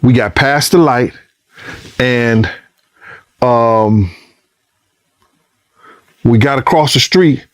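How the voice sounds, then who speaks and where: A man, a former bodyguard, telling a story in a casual interview, cursing freely and acting out what people said, his voice rising high and loud in the tense parts. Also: very slow, pauses often. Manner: profane, re-enacts dialogue, voice climbs high and loud when excited. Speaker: former bodyguard recounting events.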